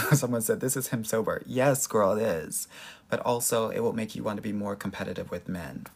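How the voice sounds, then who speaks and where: A man with a Southern Californian Valley accent hosts a casual live question-and-answer chat, giving dating advice in a sassy, slangy way with a husky, gravelly voice. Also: lowish voice, moderate pace. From Southern California, United States. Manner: sassy, slangy, addresses viewers as girl.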